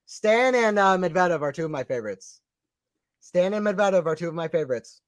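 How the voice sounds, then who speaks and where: A man's voice: high-pitched, no room sound, clean studio sound. A young man doing casual live tennis play-by-play, chatting with viewers and reading the chat aloud. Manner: chatty, reads chat aloud, quick excited calls. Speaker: live stream commentator.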